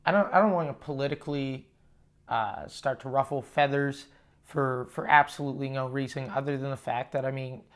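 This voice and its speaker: A man hosting a casual solo podcast, rambling and halting with frequent swearing, recorded on a lav mic in an echoey room. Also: medium pitch, steady tone. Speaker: podcast host and touring stand-up comedian. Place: condo room, indoors. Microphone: lavalier plugged into portable recorder.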